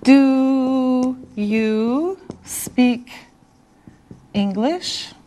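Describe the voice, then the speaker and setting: Very slow, high-voiced woman teacher. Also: dark tone, slight background noise. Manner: very slow, carefully enunciated, repetitive drilling. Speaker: English teacher. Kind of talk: beginner language lesson.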